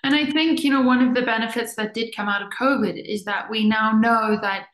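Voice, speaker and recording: A middle-aged woman, born in the US and raised in Zimbabwe, talks earnestly and reflectively as an interview guest, repeating words for emphasis. Her voice is on the high side and fairly bright, with a steady tone and a fairly quick pace. The room is echoey.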